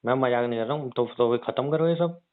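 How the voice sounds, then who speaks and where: A young man with a medium-pitched voice talks quickly on a tinny, narrowband phone line, bantering casually in a relationship call. He's slangy, coarse and insistent.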